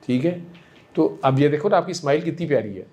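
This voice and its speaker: A man counseling a patient in a gentle, coaxing and affectionate way, repeating himself warmly. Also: on the high side, animated. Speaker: spiritual healer counseling a patient. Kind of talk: one-on-one counseling session.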